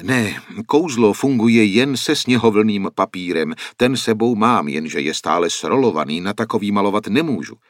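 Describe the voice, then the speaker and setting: A man's voice: lowish voice, expressive, few pauses, dry recording, clean studio sound, lightly acted. A man voicing an old wandering painter who explains in an earnest, solemn way. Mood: grave. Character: old wandering male painter, grave and worried.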